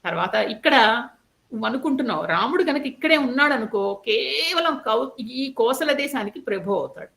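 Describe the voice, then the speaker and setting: A woman storyteller voicing a steady queen who earnestly consoles her grieving co-wife. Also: high-pitched, moderate pace, gravelly, pitched above the performer's own voice, exaggerated voice. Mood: consoling. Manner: earnest, persuasive, reassuring.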